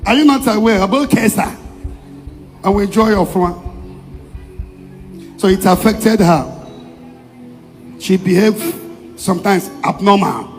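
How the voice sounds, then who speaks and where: A man's voice: sits high, a little slow, long pauses. A man with a Nigerian accent, an evangelist leading a church deliverance session with short, repeated questions and commands. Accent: Nigerian Igbo-English. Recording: echoey church hall with music.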